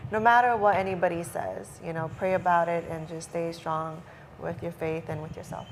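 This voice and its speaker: Young woman athlete, fairly low voice, earnest and encouraging, a little hiss behind. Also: steady tone, normal speed, gravelly, low-quality recording. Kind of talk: casual interview answers. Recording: faint background noise.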